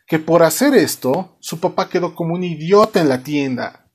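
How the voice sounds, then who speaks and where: A man's voice: on the high side, expressive, normal speed, darkish tone, slight background noise, voice pushed up, natural voice. A man voicing a nagging cartoon mother who scolds the kids and lectures her husband. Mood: scolding.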